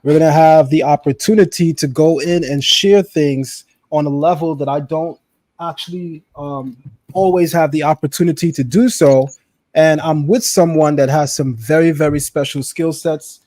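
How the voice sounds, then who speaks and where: A man's voice: on the high side, steady tone, moderate pace, darkish tone, dry recording. A man hosting a live stream interview, upbeat and familiar, addressing his viewers as family. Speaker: host, interviewer.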